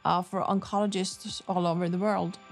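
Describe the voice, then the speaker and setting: A woman's voice: on the low side, flat delivery, moderate pace, vocal fry, loud music behind the voice. A woman, a cancer researcher, giving a reflective interview answer.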